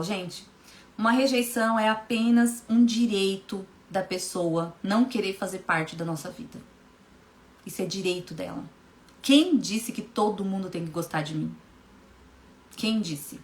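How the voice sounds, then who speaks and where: Speaking at a measured pace in a mid-range voice, pausing often, a woman hypnotherapist runs a casual live motivational talk. She hammers home key phrases emphatically and welcomes viewers individually by name.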